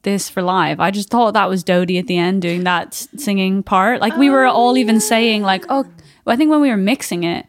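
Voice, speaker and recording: A woman with a mid-range voice tells a story in casual chat. She is chatty and quick to carry the story along. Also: mid-range voice, fairly even intonation. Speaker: band member.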